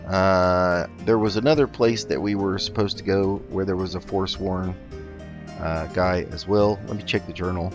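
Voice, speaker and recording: Speaking at normal speed in a deep, steady voice, this man hosts a laid-back roleplay let's play, talking and musing as he plays. Faint game music sits under a slightly dull microphone.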